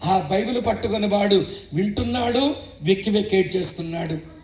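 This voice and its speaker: A man's voice: sits high, a little fast. A man preaching a testimony sermon as a pastor, telling his story with emphatic, storytelling delivery. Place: church meeting stage. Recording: roomy echoing hall.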